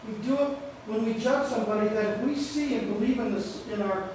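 In a church sanctuary, a man preaching as pastor quizzes his congregation and supplies the answers on his own. He talks into a stand microphone, occasionally moving away from it. His voice sits very high, the sound is roomy, and there's slight background noise.

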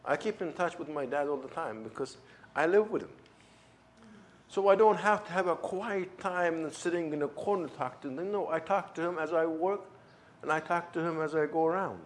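Here a man with a fairly high voice speaks at normal speed, his English carrying a German-Turkish accent from a different first language. He delivers his testimony passionately, acting out what people said.

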